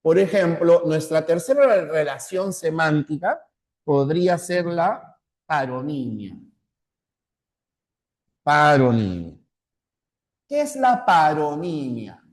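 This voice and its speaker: A man with a Peruvian Spanish accent lectures in a somewhat high voice. He keeps repeating key terms and checking in with "¿ya?". He slows down to lay out examples one by one. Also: very animated. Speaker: teacher. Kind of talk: classroom lecture.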